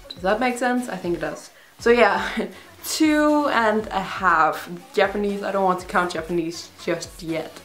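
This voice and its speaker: A young Danish woman, speaking with a Danish accent in a medium-pitched, fairly bright voice at a measured pace, answers viewer questions in a casual Q&A vlog. She's chatty, rambling and self-deprecating, recorded with roomy echo and faint music in the background.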